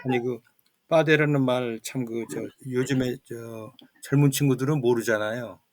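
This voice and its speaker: A man moderating an online discussion group, talking haltingly with many fillers and repeated words, heard over a video call. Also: mid-range voice, steady tone, slight background noise.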